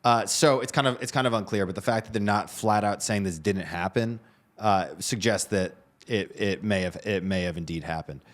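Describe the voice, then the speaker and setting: A man's voice: fairly low pitch, normal speed. A man co-hosting a news show, discussing the headlines in a conversational, hedging way and often restarting his phrases.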